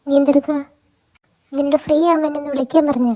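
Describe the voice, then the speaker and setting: A woman's voice: sits high, steady tone, rapid-fire, mellow, natural voice. A woman voicing a worried middle-aged mother who scolds her husband and frets over her daughter. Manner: fretful, scolding.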